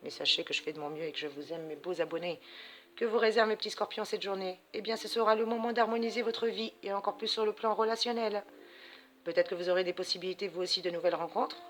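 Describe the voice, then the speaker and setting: Affectionate woman giving chatty card readings. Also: on the low side. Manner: affectionate, addresses viewers with pet names, chatty. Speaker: astrology and tarot channel host. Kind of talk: spiritual card-reading guidance to viewers. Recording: music playing behind voice.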